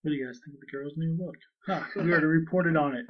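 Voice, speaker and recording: A man co-hosting a casual podcast, teasing and joking in quick banter. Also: a little high, recorded from a distance, dull audio. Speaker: podcast co-host. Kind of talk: casual chat.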